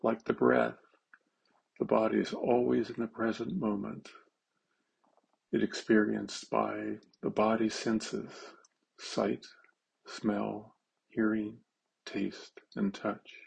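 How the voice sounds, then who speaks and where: Slow, gravelly man guiding meditation. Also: lowish voice, level tone, low-quality recording. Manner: halting, with long pauses and simple phrasing. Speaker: meditation guide.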